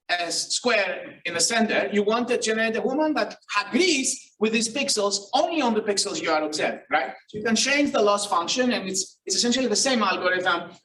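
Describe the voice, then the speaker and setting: A Greek researcher with a high, bright, forceful voice gives a casual keynote lecture at a conference, full of fillers, restarts, and self-corrections. He's self-deprecating, and the recording has a roomy, distant hall sound.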